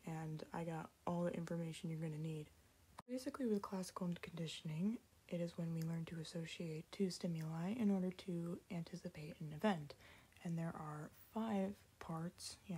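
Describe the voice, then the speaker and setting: Sleepy young woman talking low and breathy late at night, sarcastic deadpan, mellow dark tone. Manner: sarcastic, deadpan self-mocking. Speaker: student presenting a class project. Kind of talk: casual explanatory voice-over.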